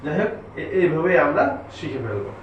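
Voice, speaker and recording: A man's voice: fairly high pitch, expressive, fairly quick, background noise. A man teaching a spelling lesson, spelling out letters one at a time and asking and answering his own questions. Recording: echoey room, distant dull mic.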